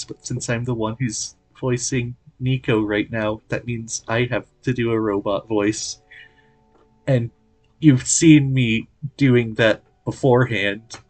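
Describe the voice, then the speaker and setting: A young man chatting casually while livestreaming a video game, self-deprecating and talkative. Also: medium pitch. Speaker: streamer. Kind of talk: gameplay livestream commentary.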